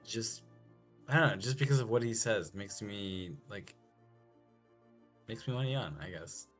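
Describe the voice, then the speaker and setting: Guy with a lowish voice, kinda hesitant, lots of ums, faint music behind. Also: unhurried, a bit bright. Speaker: voice actor. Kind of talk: casual chat.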